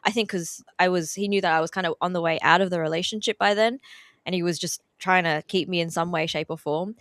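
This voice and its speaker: Talking fast in a lowish, somewhat bright voice with fairly even intonation, a tearful Australian woman guests on a podcast from indoors at a relative's house. Her chatty, casual interview talk is packed with fillers, and she laughs through the emotion; there's no echo.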